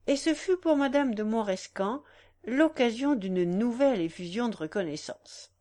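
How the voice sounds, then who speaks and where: A woman reading a nineteenth-century novel aloud, in a measured, expressive storytelling manner. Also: fairly high pitch. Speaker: audiobook narrator.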